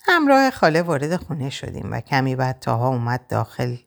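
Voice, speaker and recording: Very low gravelly woman narrating. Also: sing-song. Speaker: audiobook narrator. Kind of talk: first-person novel narration.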